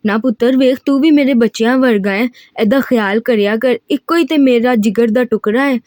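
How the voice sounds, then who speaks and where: A loud, rustic mother with a broad Punjabi accent, put on by a woman reader, scolding and doting by turns in a thickened, raised voice. This storybook figure sits higher than a plain voice. The sound is dry and close to the mic. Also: moderate pace, no echo, lightly acted. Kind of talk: audiobook reading of a novel.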